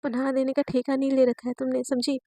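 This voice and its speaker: A woman voicing a stern, worried father who scolds his grown daughter and then tries to calm her. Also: very high voice, a little fast, dry recording.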